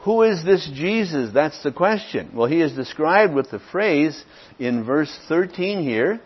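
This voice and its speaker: A man's voice: fairly high pitch, animated, a little slow, slightly rough, muffled recording. A man teaching an evening Bible study, reading passages aloud and often checking in with "okay?". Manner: reads Scripture aloud, often asks "okay?". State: clears throat now and then.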